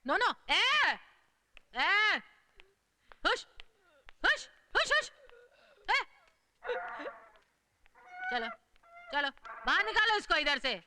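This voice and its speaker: A woman's voice: very high voice, big pitch swings, slow, pauses often, bright, forceful tone, slight background noise, exaggerated voice. An actress playing a bossy landlady who scolds in broken Hindi mixed with English. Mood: scolding.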